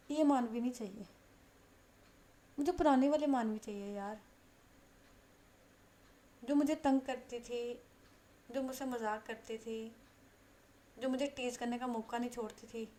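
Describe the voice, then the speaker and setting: Woman reading as a playful young woman who teases, animated and a bit high, storybook heroine. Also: a little slow, pauses often, natural voice. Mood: pleading. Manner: animated, mock-offended.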